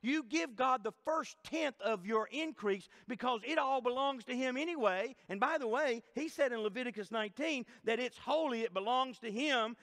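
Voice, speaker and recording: A middle-aged pastor with a very high-pitched, slightly bright voice preaches a sermon in a church sanctuary. He is emphatic and repetitive, posing questions to the congregation, and the recording carries the long reverb of a church hall.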